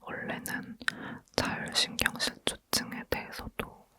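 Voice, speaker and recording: Someone leaning in to whisper an intimate, hushed ASMR chat, speaking informally as if to a friend. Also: measured pace. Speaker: ASMR host.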